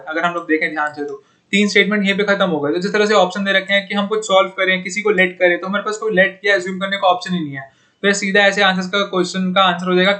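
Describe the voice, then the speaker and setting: Young man, online tutor, chatty, high voice, fairly flat delivery. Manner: chatty, upbeat, calls viewers "bhaiya" and "yaar". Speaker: online exam-prep tutor. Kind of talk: informal Hindi lesson solving puzzles.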